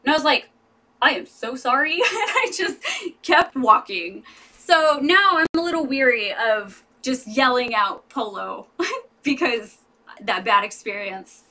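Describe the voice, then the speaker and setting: High bright chatty woman vlogger. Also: expressive, unhurried, distant mic. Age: 30s. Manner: chatty, rambling, laughs often. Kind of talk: casual live chat with viewers. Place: home with street traffic outside.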